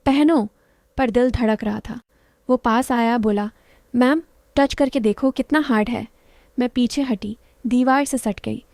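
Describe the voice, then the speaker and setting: A woman narrating a first-person story in short, clipped sentences with a plain, even delivery. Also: on the high side, dry recording.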